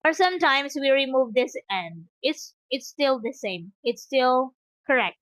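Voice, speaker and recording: A high-voiced woman tutor who speaks slowly and patiently, breaking each point into small steps. The sound is dry and close, as if spoken into a headset on a video call. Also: animated, a bit bright, dry recording. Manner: slow, patient, explains step by step. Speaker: English tutor. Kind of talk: online one-on-one English lesson.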